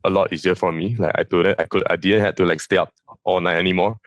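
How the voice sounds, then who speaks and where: This esports coach from Southeast Asia, whose first language is Chinese, speaks fast in a deep, steady voice with no echo. As a podcast guest he chats casually, frequently repeating words while recounting events.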